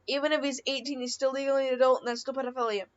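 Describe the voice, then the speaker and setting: A woman's voice: sits high, level tone, racing, highs cut off, slight background noise. A woman reading out chat messages in improvised, unscripted commentary, rambling with frequent restarts and fillers. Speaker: channel creator reading screenshots.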